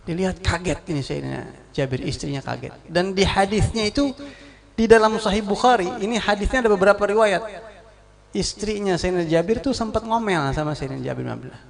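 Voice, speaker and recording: A middle-aged man preaches in a lively, storytelling way. His voice sits a little high and carries a gravelly rasp. He quotes Arabic phrases, explains them, and keeps asking his audience questions. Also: brisk. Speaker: Islamic preacher. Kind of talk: storytelling sermon.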